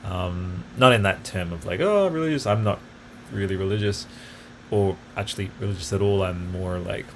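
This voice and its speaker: A man with a fairly low voice hosts his own podcast, rambling eagerly from one tangent to the next. He speaks in a loose, casual way with plenty of fillers. A faint background noise sits under the recording. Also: little pitch movement, moderate pace, fairly bright tone. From grew up partly in Italy. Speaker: podcast host. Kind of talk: casual solo podcast talk.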